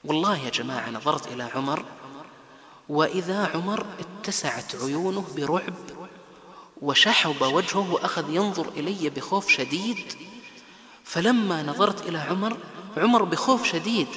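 A man preaching a lively religious lecture, acting out the voices he quotes. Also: a little high, moderate pace. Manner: animated, acts out quoted voices. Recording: echoey hall with crowd.

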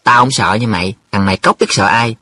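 A man's voice: fairly low pitch, a little fast, sharp tone. A man voicing a touchy young man in love who answers his friends defensively and hesitantly.

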